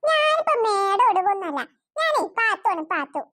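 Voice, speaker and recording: A woman voicing a bossy, sharp-tongued older woman in a cartoon. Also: very high voice, sing-song, normal speed, heavily acted. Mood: scolding. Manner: scolding, nagging. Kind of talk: cartoon voice acting.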